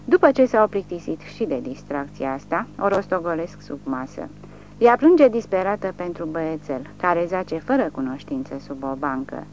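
A woman with a very low voice narrates an audiobook in a steady, vivid way. The recording sounds dull and lo-fi. A faint hum and hiss sit beneath her.

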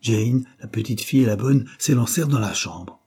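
A man narrating a nineteenth-century novel as an audiobook in a steady, measured reading. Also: medium pitch, creaky, husky.

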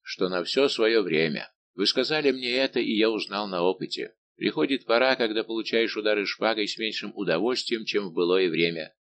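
A man voicing a big, good-natured, simple-minded old musketeer baron, talking slow and booming. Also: a bit bright, slight background noise. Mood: hearty.

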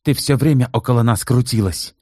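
A spiteful old woman, as a male reader puts her on, shrieking high and nagging. Her voice leaps about with heat, in a dry close recording. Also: expressive, fairly quick, mellow, no echo. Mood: scornful shrill. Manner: shrill, scornful, nagging. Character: spiteful, shrill old mother, scornful.

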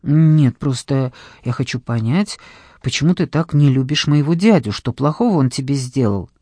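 A woman voicing a calm, mildly ironic young fiancé, speaking low, measured and soothing. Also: dry recording.

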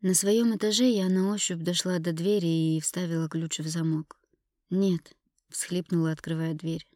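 A woman narrating an audiobook in the first person, in a measured, intimate storytelling manner. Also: fairly low pitch, steady tone, mellow, dry recording, studio quality.

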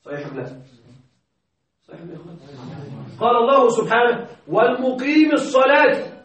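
A man's voice: very high voice, very animated, fast talker, fairly bright tone. A man teaching grammar in a classroom, often stopping to quiz his students with short check questions. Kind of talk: classroom lecture. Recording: very echoey room, mic far off.

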